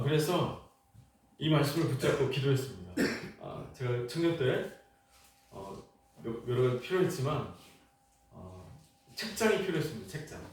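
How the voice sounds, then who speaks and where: A middle-aged male pastor telling a personal story in a sermon, questioning the congregation and growing fervent as he acts out his prayers. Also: medium pitch. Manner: asks the congregation questions, rising in fervor when acting out prayers. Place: church sanctuary. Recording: very echoey church hall, from far off.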